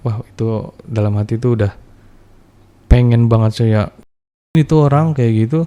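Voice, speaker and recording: Seorang pria berlogat bercerita santai tentang pengalamannya, blak-blakan, kasar, dan penuh bahasa gaul. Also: male voice, medium pitch, moderate pace, warm tone, lo-fi sound. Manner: blunt, profane, slangy. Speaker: guest telling a personal story. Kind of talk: casual storytelling chat.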